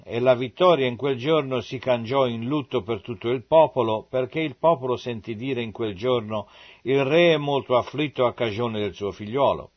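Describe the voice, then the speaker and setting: A man giving a slow, measured, solemn reading of scripture, dramatizing the dialogue. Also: mid-range voice. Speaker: Bible reader. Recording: dull lo-fi audio.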